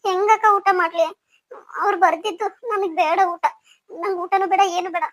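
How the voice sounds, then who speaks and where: A woman's voice: very high voice, steady tone, moderate pace, a bit bright, no room sound. A woman voicing an anxious pregnant young wife in a cartoon story, talking in a tearful, pleading way. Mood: worried, tearful.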